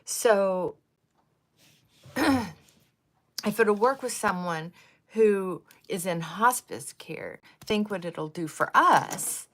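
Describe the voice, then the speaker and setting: Slow, rambling woman in her sixties. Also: medium pitch, expressive, fairly bright tone. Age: 60s. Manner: rambling, wandering off on tangents. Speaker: livestream host. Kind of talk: casual chat while doing makeup.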